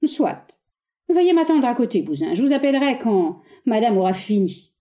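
A woman reading a stage play aloud, voicing a haughty, exasperated middle-aged gentleman with sharp, condescending exclamations. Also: on the high side, big pitch swings, brisk.

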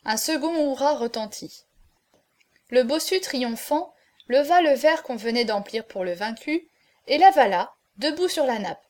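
A woman narrating a classic adventure novel in an expressive, dramatic way. Her voice sits high. Steady audiobook reading.

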